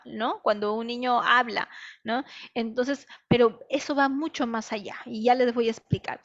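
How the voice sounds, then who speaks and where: Peruvian woman, young, speech therapist, high voice, dull computer-mic sound, chatty teaching manner. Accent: Peruvian Spanish. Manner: explanatory, frequent tag questions, acts out child examples. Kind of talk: online training talk. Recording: dull lo-fi audio.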